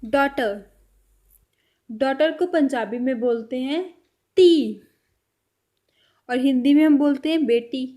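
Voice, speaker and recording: A young woman teaching a vocabulary lesson, saying each word slowly and repeating it to compare how it is pronounced. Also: sits high, mellow. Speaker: language teacher. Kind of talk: slow spoken vocabulary lesson.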